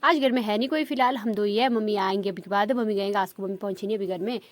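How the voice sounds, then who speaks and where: Rapid-fire and mid-range, this woman's voice carries a Himachali Pahadi Hindi accent as she vlogs from her village. She rambles to her viewers in a casual chat packed with fillers, and there's no echo on the recording.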